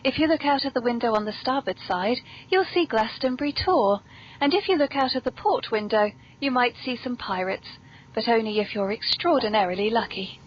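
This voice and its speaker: On a dull, lo-fi recording with noise behind her, a British podcast host speaks fairly quickly in a high-ish voice with lively intonation. She's genteel, very polite, and playfully theatrical, delivering whimsical scripted hosting and gentle conversation.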